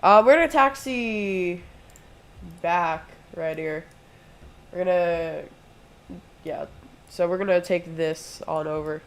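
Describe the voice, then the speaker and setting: Here a high, smooth male voice moves slowly and pauses often. The same congested young man, ill with a throat infection, streams from home and chats step by step through his flight simulator session at his desk mic, offering relaxed live play-by-play.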